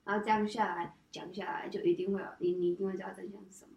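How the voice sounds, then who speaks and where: A woman, the host's daughter, calmly explaining her views in a matter-of-fact way during a casual chat. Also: mid-range voice, racing. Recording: roomy, distant, slightly dull sound.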